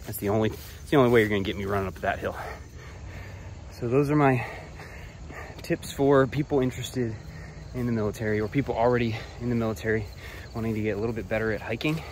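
A man vlogging hiking tips while walking a trail outdoors, relaxed and a bit profane, talking between breaths. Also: on the low side, fast, slight background noise. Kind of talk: casual talk while hiking. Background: crickets and insects.

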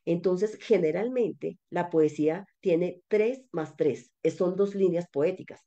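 A woman with a low, mellow voice teaches an online class, working through each point methodically and often pausing to restart a phrase. The audio is dull and slightly lo-fi, as from a webinar call. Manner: explanatory, methodical, with many fillers and restarts. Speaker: biblical studies lecturer. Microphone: webinar call microphone.

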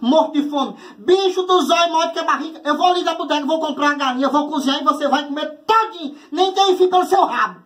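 A man voicing a furious, nagging middle-aged mother in a comedy sketch, with a Ceará accent and a shrill, insult-hurling manner. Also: fast talker, few pauses, a bit bright, far from the mic. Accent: Ceará Brazilian.

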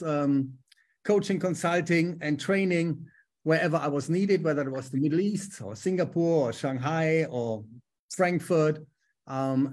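A middle-aged business coach with a German accent speaks from a home room with a lamp during a casual video-call interview. His voice is fairly high with a darkish tone, and he comes across upbeat and talkative, saying "um" often.

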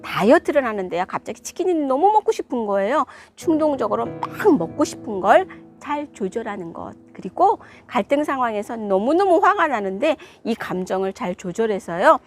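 A woman's voice: a little high, big pitch swings, moderate pace, few pauses, faint music behind. A woman parenting educator giving an emphatic lecture on child discipline and asking her listeners rhetorical questions.

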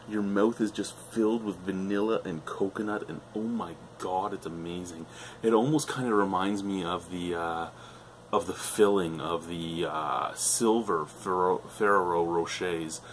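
Middle-aged guy with a real low voice, gushing about a beer at home, swears a lot, faint hiss behind. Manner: enthusiastic, swears freely, rambling. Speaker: beer reviewer. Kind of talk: casual beer review vlog. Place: living room at home, indoors.

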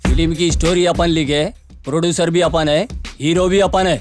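A man's voice: a little high, fairly even intonation, normal speed, close to an everyday voice. An actor with a Hyderabadi accent playing a brash, boastful man who bankrolls and stars in his own film. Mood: swaggering. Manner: swaggering, brash, bossy. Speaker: actor playing a boastful rich producer-hero. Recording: film soundtrack with loud background music.

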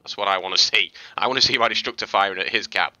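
Low, sharp-voiced man explaining gameplay. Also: fast, no room sound, dull audio. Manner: relaxed, chatty explaining with fillers and restarts. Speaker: gaming video host. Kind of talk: casual gameplay commentary and tutorial.

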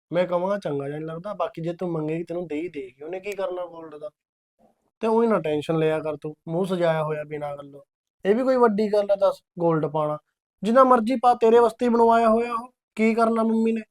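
A man's voice: a little high, fast talker, darkish tone, close to an everyday voice. An actor playing an easygoing young husband who brushes off his wife's worries. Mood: placating. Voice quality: dismissive, placating. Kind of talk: village family drama acting.

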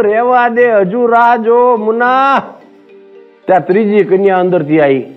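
A man, telling rambling folk jokes to an audience and acting out his friend's lines. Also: high-pitched. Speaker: stand-up comedian. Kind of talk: Gujarati folk joke telling to a live audience. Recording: tinny phone-like stage recording with faint music.

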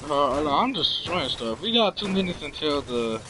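A man's voice: a little high, sing-song, moderate pace. A young man talking in a casual, slangy way while playing a video game. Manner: informal, slangy. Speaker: gamer. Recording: noisy game voice chat with clicks.

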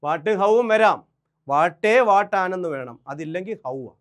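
Man with a somewhat high voice, leading an emphatic exam-prep grammar lesson. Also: animated, normal speed, clean tone. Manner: quizzing, answers own questions, emphatic. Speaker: English grammar teacher.

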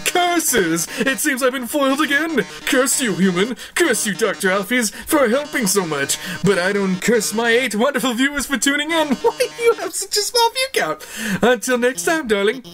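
A woman's voice: high voice, very animated, a bit bright, soft background music, voice pushed up. A woman voicing a flamboyant, theatrical male robot TV host who gloats and drawls "darling". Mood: mock dismay. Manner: hammy, gloating, drawn-out "darling".

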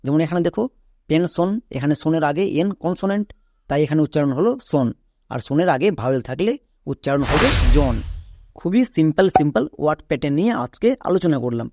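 A man's voice: fairly high pitch, expressive, fast, darkish tone, no echo. A young man with a Bengali accent teaching English spelling in a lesson, explaining step by step and answering his own questions. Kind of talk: classroom-style spelling lesson.

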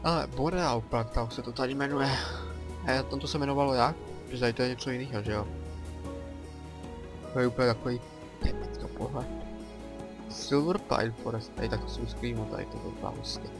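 A Czech-accented man hosts a let's play, talking through the game in a loose, chatty way. He thinks aloud and breaks into excited exclamations, with his voice sitting at an ordinary middle pitch and faint music playing behind him. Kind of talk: casual game commentary.

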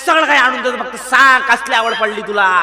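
A man acting in a stage comedy sketch, excited, shouting and laughing as he talks. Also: very high voice, quick pace. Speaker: comic actor.

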